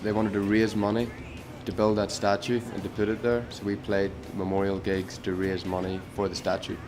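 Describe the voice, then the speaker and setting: An easygoing man answers interview questions, hesitating and filling gaps as he goes. His voice is fairly low, with music playing clearly in the background. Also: monotone, moderate pace. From Northern Ireland. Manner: easygoing, hesitant, many fillers. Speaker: rock band member. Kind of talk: casual interview chat.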